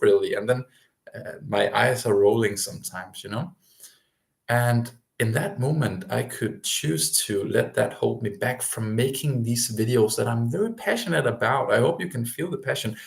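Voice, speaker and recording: In an echoey room, a man with a medium-pitched voice and vocal fry livestreams to language learners, coaching them. He talks with rambling enthusiasm and lots of fillers.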